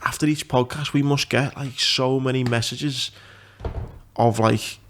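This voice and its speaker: A Liverpool-accented man in his thirties hosts a podcast, chatting casually, informally, and swearing freely. His medium-pitched voice is steady and a little slow. He's recorded on a desk microphone in a small indoor office studio, with slight background noise.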